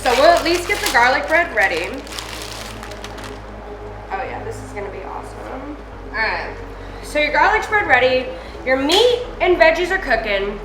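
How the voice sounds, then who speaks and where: High voiced lady doing a rambly casual cooking vid in an echoey kitchen, music going behind her. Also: sing-song, moderate pace, long pauses. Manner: informal, rambling, swears casually. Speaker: home cooking video host. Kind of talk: casual, chatty cooking tutorial. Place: home kitchen, indoors. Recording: echoey room with background music.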